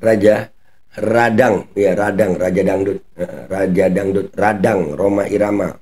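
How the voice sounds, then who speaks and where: A man's voice: low voice, steady tone, unhurried, darkish tone. A man giving heated commentary as a channel host, talking bluntly in mocking street slang and swearing now and then.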